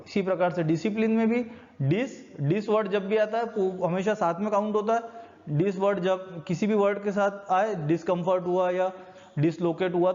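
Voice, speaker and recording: High-voiced Indian male teacher, patient. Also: darkish tone. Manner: patient step-by-step explaining, mixing Hindi and English. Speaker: school teacher. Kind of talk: recorded classroom lecture. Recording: dull lo-fi recording.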